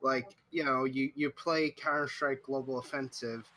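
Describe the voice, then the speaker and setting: A man's voice: medium pitch, steady tone, moderate pace, noisy background. A man in his twenties chatting casually, rambling and slipping into silly voices. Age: 20s. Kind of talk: casual chat. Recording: loud game music underneath.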